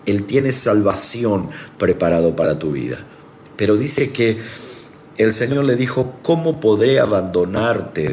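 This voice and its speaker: A male pastor with an Argentine Spanish accent, giving an earnest devotional sermon and slowing down to stress key words. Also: deep voice, darkish tone, slight background noise. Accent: Argentine Rioplatense Spanish.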